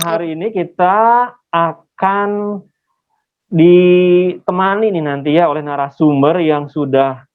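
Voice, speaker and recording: A man speaks through a face mask. He hosts an online class casually and chattily, often checking with listeners. The sound is narrow and phone-like, as on a muffled call. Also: a little high. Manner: chatty, repeatedly asking for confirmation. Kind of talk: casual, interactive webinar hosting. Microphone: video call.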